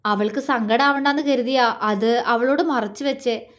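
A woman narrating a romantic family story, expressively voicing the characters' lines. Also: normal speed. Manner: expressive, shifts pitch for quoted characters.

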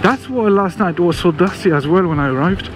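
High-voiced French-accented man vlogging. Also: animated, brisk, background noise. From France. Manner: exclamatory, enthusiastic. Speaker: motorcycle travel vlogger. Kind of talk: casual vlog commentary while riding, chatting to passers-by. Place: outdoors on a motorbike and at an event ground.

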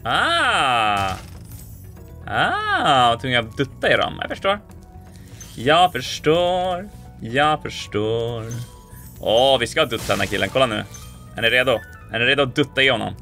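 A man giving casual, excitable commentary as he plays a video game, with frequent exclamations and playful sound effects. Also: mid-range voice, faint music behind. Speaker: let's player.

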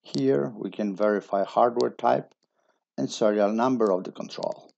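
A man giving a steady step-by-step technical tutorial as a voice-over. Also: on the low side, moderate pace, vocal fry, highs cut off. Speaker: instructor.

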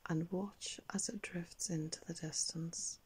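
An older woman leads a guided meditation in the manner of a sleep story narrator. Her voice is very breathy and whispered, sitting a little low. She speaks calmly and very slowly, leaving space between soft phrases. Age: older, around 60s. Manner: calm, soft, unhurried, with long pauses. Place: small indoor room.

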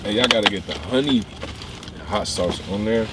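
A man's voice: fairly low pitch, moderate pace. Laid-back young man in a noisy car. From Cincinnati, Ohio. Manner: slangy, joking, laid-back. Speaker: vlogger on a road trip. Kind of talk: casual chat. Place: inside a car on the road. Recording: distant phone mic in a car, road noise.

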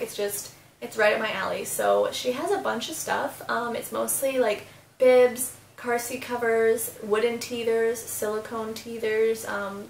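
The audio is low quality, echoey, and recorded far from the mic, capturing a young woman's slightly high, gravelly voice. As a mom vlogger seated indoors in front of louvered doors in a small room, she gushes casually about baby clothes in a product haul. Her manner is bubbly, full of "super" and "like."

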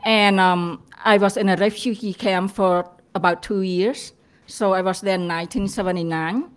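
A woman from Cambodia with a Cambodian accent, answering student questions in halting, hesitant phrases. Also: mid-range voice, steady tone, clean tone. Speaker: guest speaker.

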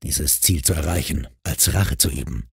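Man voicing a calm, persuasive grown man. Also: a bass voice, normal speed, gravelly, husky, no echo, studio quality, pitched below the performer's own voice, full character voice. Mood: earnest. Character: calm, caring grown man who counsels a troubled girl.

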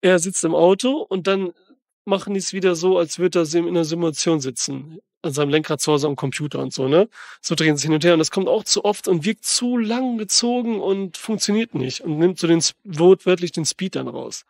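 Man, film podcast host, casual review chat, excitable rambling, quick talker, dry close sound. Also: high voice, vocal fry, no echo. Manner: rambling, excitable, slangy retelling.

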